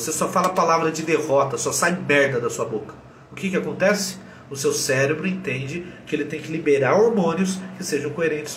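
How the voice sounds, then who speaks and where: A man with a Brazilian Portuguese accent, a doctor teaching a live lesson on depression with energetic, direct and blunt coaching. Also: sits high, a little hiss or hum. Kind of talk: live motivational lesson to viewers. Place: warm room with an air cooler running. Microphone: camera set back from him. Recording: roomy echo, voice from a distance.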